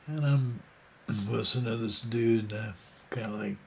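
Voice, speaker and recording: A man's voice: mid-range voice, normal speed, vocal fry, darkish tone, a little hiss or hum. A man in his sixties telling a rambling, casual story full of fillers and asides. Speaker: vlogger.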